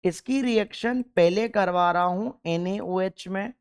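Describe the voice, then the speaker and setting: Emphatic male teacher, smooth voice. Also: high-pitched, measured pace. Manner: emphatic, keeps repeating key points and asking the class questions. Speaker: chemistry teacher. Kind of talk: exam-focused classroom lecture.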